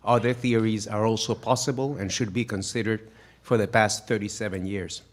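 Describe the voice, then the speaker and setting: Man in his sixties. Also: medium pitch. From Chile. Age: 60s. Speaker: journalist testifying at a hearing. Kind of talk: read prepared statement.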